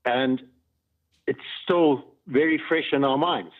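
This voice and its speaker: A middle-aged man calling a phone-in, speaking emphatically in halting, repetitive phrases, distressed and emotional as he gives personal testimony. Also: medium pitch, crowd noise. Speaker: phone-in caller. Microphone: phone call. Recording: tinny narrowband phone line.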